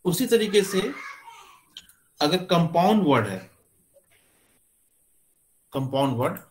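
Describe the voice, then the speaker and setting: A man giving a classroom lecture, explaining slowly with many pauses and fillers as he points to what he writes. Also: on the high side, sing-song, a little hiss or hum. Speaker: teacher. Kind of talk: classroom lecture on English stress.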